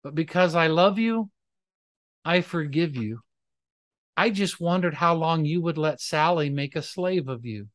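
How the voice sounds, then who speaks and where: A man voicing a kind, forgiving old grandmother in a sermon story, speaking gently and knowingly. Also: fairly high pitch, measured pace, no room sound. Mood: gentle.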